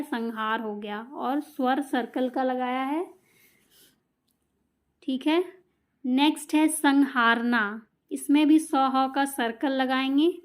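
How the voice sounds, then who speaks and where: High-voiced woman teaching slowly. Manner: patient, repetitive explaining with examples. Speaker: shorthand teacher. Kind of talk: step-by-step lesson explanation.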